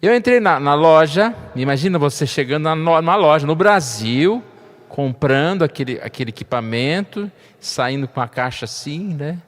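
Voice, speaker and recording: Male pastor, fairly high voice, conversational sermon with light jokes, long church reverb. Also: animated, moderate pace. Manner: conversational, frequent tag questions, light humor.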